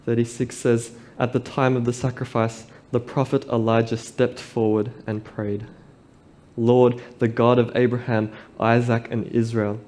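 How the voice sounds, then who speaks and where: A man's voice: medium pitch, flat delivery, unhurried, darkish tone. Man preaching at a pulpit microphone. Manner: reads scripture aloud and reflects on it. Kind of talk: sermon.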